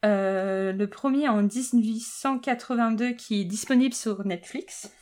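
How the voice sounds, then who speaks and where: A woman's voice: a little high, measured pace, a little mellow. A woman hosting a casual podcast chat, often tripping over words, correcting herself and laughing. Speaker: podcast host.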